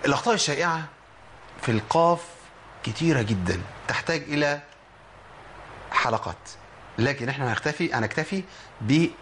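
A man with an Egyptian accent giving a spoken tajweed lesson, explaining and then slowly drilling sounds, asking questions and answering them himself. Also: on the high side, lively intonation, fairly bright tone, slight background noise. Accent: Egyptian Arabic. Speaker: Quran recitation teacher.

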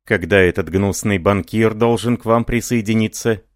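A man's voice: lowish voice, normal speed, dry recording, studio quality, lightly acted. A man playing an ardent, devoted young French lieutenant who speaks fervently and pleadingly.

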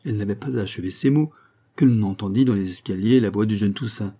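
A man narrating a classic novel as an audiobook, in a measured literary reading. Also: lowish voice, dark tone. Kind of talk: scripted narration.

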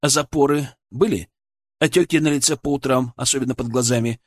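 A man's voice: medium pitch, fairly quick, dry recording. A man narrating a first-person audiobook in a tense, urgent way.

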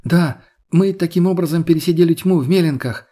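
A man's voice: on the high side, brisk, warm tone, pitched above the performer's own voice, close to an everyday voice. A man putting on an urgent young woman. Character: earnest young woman, anxious and helpful.

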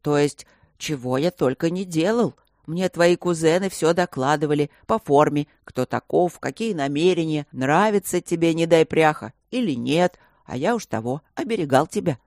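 A woman's voice: low-pitched, lively intonation, normal speed, a little mellow, dry recording, studio quality. Woman doing a grumbling, tipsy father lord. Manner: grumbling, drunken, doting. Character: gruff, tipsy, overprotective middle-aged father, a burly fantasy lord.

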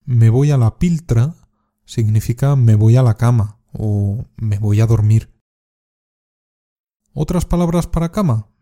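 A man from Spain teaching informal Spanish words, speaking slowly and carefully and repeating each word for practice. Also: mid-range voice, dark tone. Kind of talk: scripted slang lesson with repeat-after-me drills.

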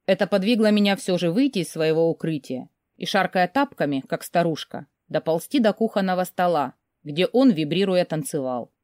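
A woman narrating a first-person novel in an emotional, expressive storytelling manner. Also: fairly low pitch, moderate pace, no echo, studio quality. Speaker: audiobook narrator.

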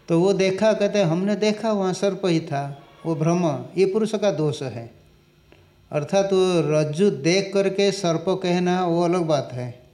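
A man giving a scripture lecture, reciting Sanskrit lines slowly and explaining them, asking questions and answering them himself. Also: fairly high pitch, warm tone. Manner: slow and deliberate, recites Sanskrit and explains it in Hindi. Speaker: Vedanta teacher.

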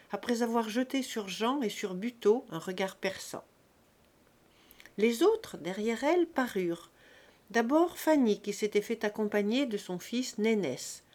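A woman narrating an audiobook of a classic novel in a calm, measured reading voice. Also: medium pitch. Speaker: audiobook reader.

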